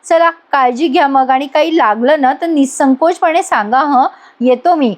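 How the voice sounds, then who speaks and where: Woman reading a strict teacher guy, dry humor, calm, highish voice. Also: moderate pace, lightly acted. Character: stern, dry-witted male teacher.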